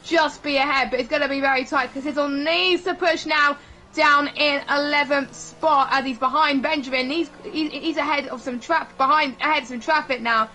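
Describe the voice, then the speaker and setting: A woman giving live sim racing commentary in an excitable way, with frequent exclamations. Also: high-pitched, moderate pace, soft background music. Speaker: esports race commentator.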